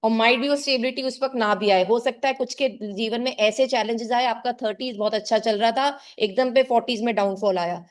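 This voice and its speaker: A woman's voice: fairly high pitch, a little fast, few pauses. Earnest middle-aged woman tutor lecturing. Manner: earnest, lecturing, addresses students as children. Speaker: tuition teacher. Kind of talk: motivational talk to a class.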